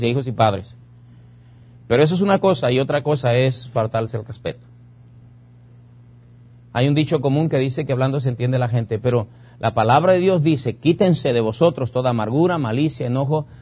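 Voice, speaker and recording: A man's voice: mid-range voice, darkish tone. A man preaching a sermon in a church, driving his points home with rhetorical questions and repeated commands. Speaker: pastor.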